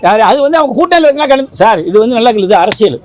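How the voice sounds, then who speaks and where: Fast emphatic high-voiced man. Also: expressive. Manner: emphatic, rambling, repeats himself. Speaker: film association leader. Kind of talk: press interview.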